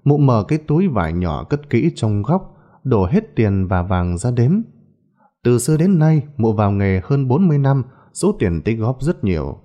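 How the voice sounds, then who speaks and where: Expressive man telling a ghost story. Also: mid-range voice, moderate pace, lo-fi sound. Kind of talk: scripted ghost story narration.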